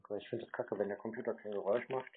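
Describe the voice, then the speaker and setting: Racing along in a lowish voice with fairly even intonation, a man baits a scam caller by rambling and stalling in a nonchalant, casual phone chat. Noise is noticeable on the muffled, narrow-band audio.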